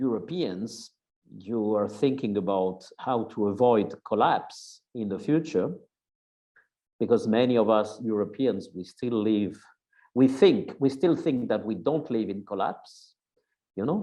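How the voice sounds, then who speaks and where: A man's voice: lowish voice, mellow. Man on a video call, muffled audio. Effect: heard over a video call. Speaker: webinar moderator. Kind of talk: hosting an online discussion.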